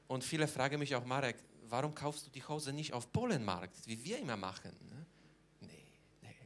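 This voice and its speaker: A man with a mid-range, fairly bright voice performs stand-up as a boastful, cheeky Polish character, using a Polish accent and broken German and tacking questions onto almost every line. A little hiss or hum is audible.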